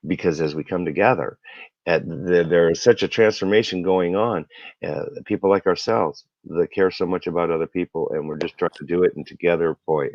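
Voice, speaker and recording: A man's voice: sits low, steady tone, a little fast, no room sound. A man hosting a casual interview, upbeat and encouraging, often affirming his guest. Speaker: interview host. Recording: dull, dry lo-fi sound.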